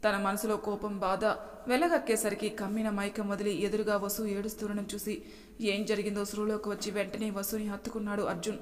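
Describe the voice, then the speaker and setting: A woman's voice: mid-range voice, a little fast. Woman narrating a story with long reverb. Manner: steady, expressive storytelling.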